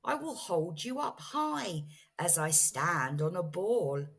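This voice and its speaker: A woman's voice: fairly low pitch, big pitch swings, takes it slowly, fairly bright tone, husky, exaggerated voice. A woman voicing a mischievous, boastful, cheerful male cat in a playful showman's patter for a children's storybook. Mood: reassuring. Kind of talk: children's storybook read-aloud.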